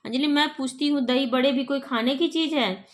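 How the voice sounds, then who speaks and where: A woman's voice: sits high, fairly quick, pitched above the performer's own voice, close to an everyday voice. A woman reading as a stern scolding mother. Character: strict mother, stern and sarcastic.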